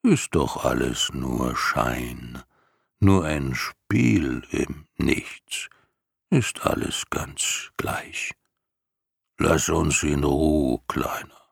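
A man voicing an ancient, weary giant female turtle who speaks slowly and apathetically in a wheezing, whispery voice. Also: extremely low pitch, expressive, vocal fry, slightly rough, no echo, studio quality, full character voice. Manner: drawn-out, apathetic, snuffling.

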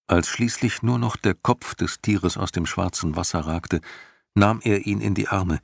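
Male storybook narrator, very low and husky, dry close sound. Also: no room sound. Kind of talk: storybook reading.

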